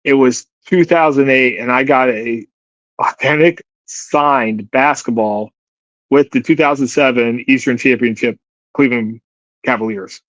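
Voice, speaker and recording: Man with halting opinions, dry sound. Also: medium pitch, fairly bright tone, dry recording, poor audio. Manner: halting opinionated commentary with restarts and "you know". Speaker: podcast co-host. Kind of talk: casual sports podcast chat.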